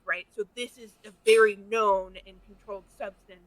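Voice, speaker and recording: A co-host on a casual book podcast, talking the plot through and checking in with "right?" after each point. The voice is bright, with a mid pitch. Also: normal speed, low-quality recording. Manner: animated, questioning with frequent "right?". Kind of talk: casual chat.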